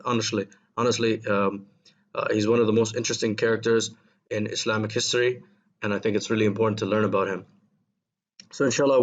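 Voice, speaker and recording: A male teacher records a vocabulary lesson for his students, gentle and encouraging, pausing often with ums and repeated words. His voice is fairly low-pitched and the recording sounds muffled.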